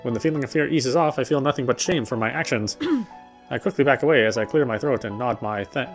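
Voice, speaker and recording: A gamer reads a visual novel's text aloud as he plays, narrating in a dramatic storytelling style. His voice is mid-range and he talks fast, with faint game music in the background.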